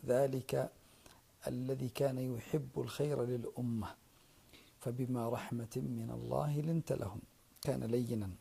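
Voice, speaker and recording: A man's voice: medium pitch, steady tone, unhurried, vocal fry, dark tone, breathy edge. A man, a sheikh, giving an earnest religious lecture to an online audience, addressing listeners directly and repeating key names for emphasis.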